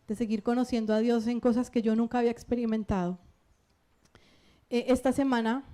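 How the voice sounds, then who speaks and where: Lively Colombian woman pastor preaching. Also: on the high side. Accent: Colombian Spanish. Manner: animated, asks the congregation questions. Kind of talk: lively sermon.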